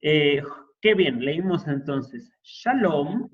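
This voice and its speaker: A man's voice: on the high side, expressive, drawn-out words, highs cut off. A man teaching an introductory Hebrew class, explaining patiently and checking in with his students. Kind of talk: classroom lesson.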